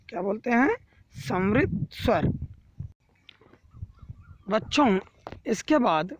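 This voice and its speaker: A Hindi teacher with a high-pitched voice gives children a grammar lesson, repeating each rule and then posing and answering his own questions. There is slight background noise.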